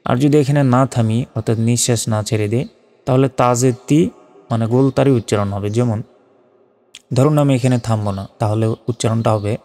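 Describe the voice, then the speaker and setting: A man teaching Quran reading, who spells out Arabic letter by letter and slowly chants the verses, patient and methodical. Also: mid-range voice, steady tone, dark tone, big-room sound.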